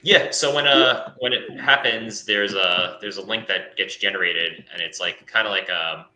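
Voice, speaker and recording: A man's voice: on the low side, normal speed, pushed and bright, roomy sound, rough recording. A man in casual podcast chat, explaining how a tool works with many fillers and restarts. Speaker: guest explaining a crypto tool.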